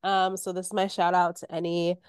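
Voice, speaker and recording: Woman, thirties, podcast guest, casual candid chat, a bit hoarse from being sick, clean tone, dry close sound. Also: on the low side, little pitch movement, fairly quick, darkish tone, dry recording. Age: 30s. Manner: chatty, candid.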